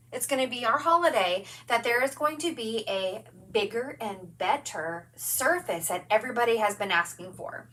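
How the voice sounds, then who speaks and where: Woman, craft livestream host, bubbly, enthusiastic, slightly high voice, distant mic, faint background noise. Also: sharp tone. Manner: bubbly and enthusiastic, chatty with viewers. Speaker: craft demonstrator hosting a livestream. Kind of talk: upbeat livestream sales chat. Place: home, at her craft table.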